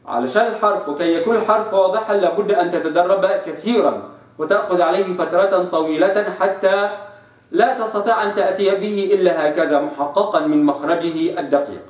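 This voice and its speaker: A man with an Egyptian accent teaching Quran recitation, explaining and slowly demonstrating letter sounds. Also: high-pitched. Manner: slow drawn-out sound demonstrations between explanations. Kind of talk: tajweed lesson with demonstrations. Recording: echoey room, voice a bit distant.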